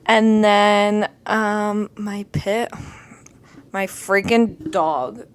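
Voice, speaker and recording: A woman's voice: medium pitch, drawn-out words, smooth. A young woman co-hosting a podcast, chatting casually with short replies and dry joking asides. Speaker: podcast co-host.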